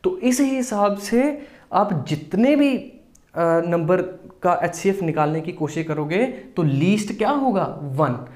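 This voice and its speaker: A man's voice: high voice, a little mellow. A man teaching a maths lesson for exam preparation. He explains step by step, asks and answers his own questions, mixes in English maths terms and keeps checking in with his students. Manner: explains step by step, often checks in with "theek hai".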